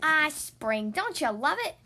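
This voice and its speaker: A woman voicing a cheerful, excitable little female duck in a storybook, with a high, squealing, bubbly voice. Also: measured pace, slight background noise, exaggerated voice. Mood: excited.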